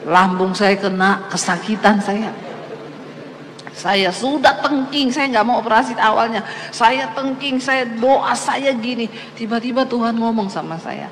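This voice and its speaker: A woman's voice: a little high, measured pace, a little hiss or hum. A woman in her fifties, a pastor, preaching a sermon as a personal testimony and acting out the voices in her story. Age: 50s. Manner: animated storytelling, acts out dialogue. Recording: long hall reverb, faint ambience.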